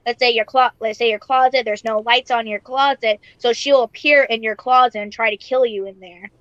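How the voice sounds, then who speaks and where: Bright-toned chatty woman, lo-fi sound. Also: a little high, steady tone, normal speed, dry recording. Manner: rambling, heavy use of "like" fillers, swears casually. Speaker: podcast co-host. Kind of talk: casual chat. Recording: dull lo-fi sound.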